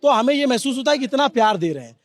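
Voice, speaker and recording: Male reporter on the street, earnest and preachy, pretty high voice. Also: expressive, very fast, no room sound. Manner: earnest, lecturing, addresses the crowd. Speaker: journalist. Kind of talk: field reporting interview.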